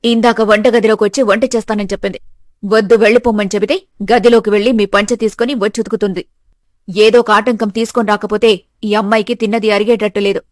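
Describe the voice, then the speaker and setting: A woman voicing a harsh middle-aged mother-in-law who scolds loudly. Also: mid-range voice, level tone, quick pace, no echo, studio quality, voice pushed down, lightly acted. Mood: scolding. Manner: scolding, loud.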